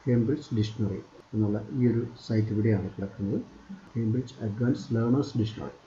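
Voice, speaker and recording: A man's voice: lowish voice, brisk, highs cut off, noisy background. A man teaching English in a screen-share tutorial, repeating himself while he points things out on screen. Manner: repetitive, pointing out items on screen.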